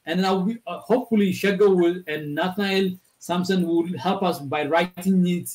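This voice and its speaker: On a poor-quality video call, a panel speaker from Ethiopia tells a loose, meandering story in a casual discussion, restarting phrases along the way. His voice is high and darkish, delivered at a normal pace, with an Ethiopian accent shaped by his first language, Amharic.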